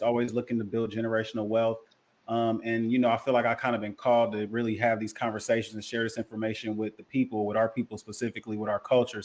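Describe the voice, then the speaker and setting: A man guest talking casually and slangily about his background, laid-back and even. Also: lowish voice. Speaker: guest, crypto consultant. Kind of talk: casual interview chat.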